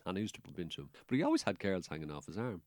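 Guest: Irish man in his 60s, low voice, dry close sound, animated anecdotal storyteller who chuckles as he talks. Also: racing, no echo. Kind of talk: casual storytelling.

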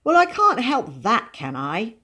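A woman's voice: lowish voice, very animated, a little slow, a bit bright, breathy edge, exaggerated voice. A woman voicing a stubborn, cheeky schoolboy who argues in an aggrieved, petulant way. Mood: indignant.

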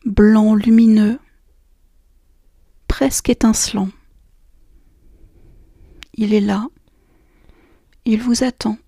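A woman guiding a relaxation and meditation session in a soft, slow, half-whispered voice. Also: fairly high pitch, fairly even intonation, gravelly, breathy edge, dry recording, clean studio sound. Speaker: relaxation guide. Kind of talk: guided meditation.

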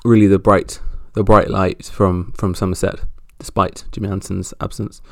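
A man with a gravelly voice hosting a casual sports roundup podcast solo, speaking in a halting, wry way. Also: sits low, flat delivery, no echo, clean studio sound. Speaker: podcast host.

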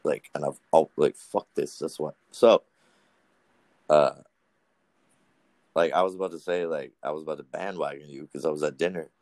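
A young man chatting casually on a podcast, rambling and crude, telling stories with animated voices. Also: rumbling low, moderate pace, long pauses, dry recording. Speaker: podcast guest. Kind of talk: casual profane chat.

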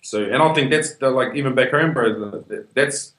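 A man's voice: mid-range voice, a little fast, a bit bright. A man with a New Zealand Māori English accent, chatting casually and slangily as a podcast guest, with bro tagged onto his phrases. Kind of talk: casual chat. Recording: roomy, echoing sound.

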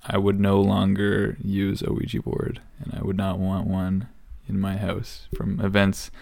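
A man's voice: low-pitched, a little slow, gravelly, dry recording. A man co-hosting a podcast, chatting casually and hedging what he knows. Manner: hedging, relaxed storyteller. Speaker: podcast co-host. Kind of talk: casual chat.

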